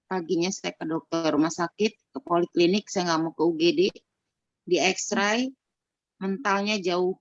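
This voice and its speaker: A woman's voice: fairly low pitch, fairly even intonation, unhurried, dry recording. Earnest middle-aged woman on a dull call. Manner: candid, earnest storytelling with many restarts. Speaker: participant sharing a personal story. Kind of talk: casual conversation on a video call. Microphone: video call microphone. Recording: dull lo-fi video call audio.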